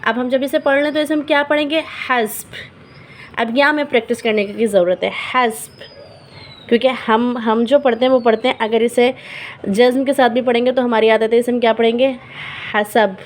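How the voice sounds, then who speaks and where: A woman gives a patient lesson on the rules of Quran recitation, slowly repeating each example word and checking in with her learners often. Her voice is a little high with fairly even intonation.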